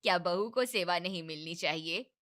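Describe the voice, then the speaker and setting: A woman's voice: on the low side, normal speed, fairly bright tone, close to an everyday voice. A woman voicing a bossy but caring older mother-in-law in a cartoon family drama, scolding and commanding. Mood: firm.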